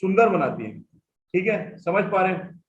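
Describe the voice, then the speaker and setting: A man's voice: sits high, animated, a little slow. A man teaching an online class, who repeats key points and keeps checking whether his students follow. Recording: echoey room, dull audio, faint noise.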